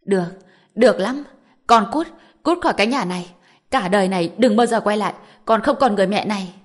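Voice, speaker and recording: A woman voicing a scheming middle-aged mother-in-law who scolds and wails loudly in an audiobook. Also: medium pitch, a little fast, lightly acted. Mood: shrill outburst. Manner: loud, wailing, scolding. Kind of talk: audiobook character voice.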